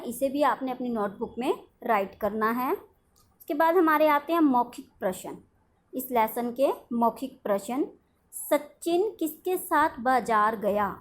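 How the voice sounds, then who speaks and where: A woman teacher dictating a lesson to young pupils in a fairly high voice. She speaks slowly and deliberately, pausing after each word and explaining its meaning. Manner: slow, dictating words one at a time with explanations. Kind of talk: online class lesson.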